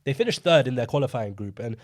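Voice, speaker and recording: A young man co-hosting a podcast, chatting casually about football and telling rambling, animated stories. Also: medium pitch, quick pace. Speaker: podcast co-host.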